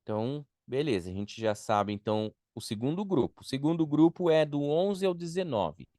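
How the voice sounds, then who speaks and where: A man's voice: on the high side, animated, normal speed, warm tone, no echo, studio quality. A man with a Brazilian Portuguese accent teaching a live online beginner class, patiently repeating words to model their pronunciation. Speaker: English teacher.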